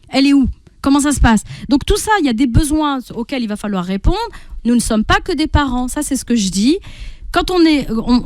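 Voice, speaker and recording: In a radio studio with no echo, a high-voiced woman with a darkish tone appears as a guest parenting coach and therapist. She explains her advice didactically through everyday examples, often checking in with rhetorical questions and acting out inner speech.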